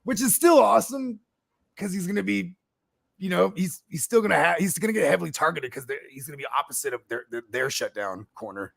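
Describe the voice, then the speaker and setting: Gravelly, animated, high-pitched man. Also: fast, no echo, clean studio sound. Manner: rambling, animated storytelling, swears, repeats "you know what I mean". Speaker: co-host, league commissioner. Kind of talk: casual live-stream chat.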